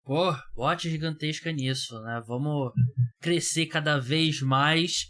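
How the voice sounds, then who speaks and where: Brazilian guy hosting a podcast, laid back, swears a bit, kinda high voice. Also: slow. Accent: Brazilian Portuguese. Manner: relaxed, swears casually, many fillers. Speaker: podcast host. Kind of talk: casual podcast chat.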